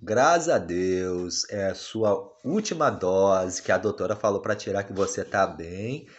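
A man filming a casual family vlog, talking gently and dotingly to his baby daughter. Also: deep voice, measured pace.

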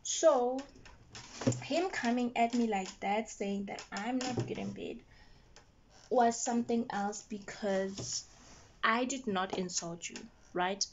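Slow-talking young woman vlogger, indignant. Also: mid-range voice, dull audio, a little hiss or hum. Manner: animated, indignant retelling with quoted dialogue. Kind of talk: get-ready-with-me storytelling. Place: at home doing makeup.

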